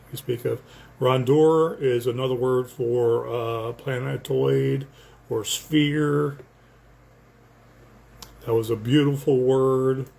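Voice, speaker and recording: An older man with a gravelly, creaky voice talks slowly through his own poem. He rambles and thinks aloud, pausing on fillers as he explains his word choices in a casual, unhurried way. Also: mid-range voice, a little mellow.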